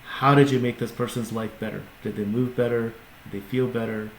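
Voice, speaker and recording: A company CEO guests on a podcast, talking casually and explaining at length with plenty of restarts and fillers. His medium-pitched voice is steady in tone and a little fast. The room is echoey with faint ambience and slight background noise.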